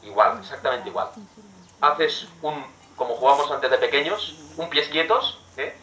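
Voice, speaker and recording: A man, a parish priest from Spain, giving a conversational sermon full of rhetorical questions and soft, prayerful asides. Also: on the high side, moderate pace, recorded from a distance. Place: church. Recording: echoey church room, faint noise.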